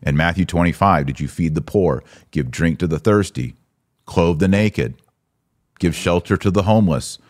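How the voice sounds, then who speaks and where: Emphatic and exhorting, this podcast host delivers opinionated religious commentary peppered with rhetorical questions. He has a low-pitched, darkish voice and talks at normal speed.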